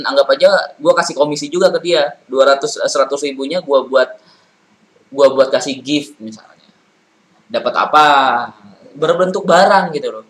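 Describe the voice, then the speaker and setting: A man's voice: a little high, a bit bright, low-quality recording. A man giving business advice in a loose, chatty monologue, full of fillers and restarts. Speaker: property and business consultant.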